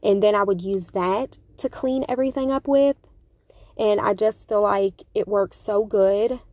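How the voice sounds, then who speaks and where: A woman's voice: mid-range voice, a little slow, no echo. A woman vlogger chatting casually to her viewers in a voice-over, upbeat and friendly. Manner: chatty, upbeat, addresses viewers as you guys. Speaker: home vlogger. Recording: voice-over with soft background music.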